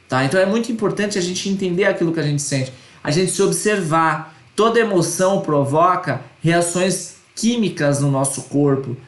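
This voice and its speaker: A man's voice: a little high, echoey room. A man teaching an online course lecture, earnest and repeating his points with tag questions.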